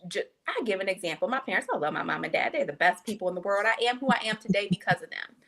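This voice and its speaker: Young woman, doctor guest, animated storytelling, swooping lively pitch, mimics quoted voices. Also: fast, vocal fry. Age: young adult. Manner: acts out quoted people in exaggerated voices. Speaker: physician and political surrogate, podcast guest. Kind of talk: animated storytelling in casual conversation.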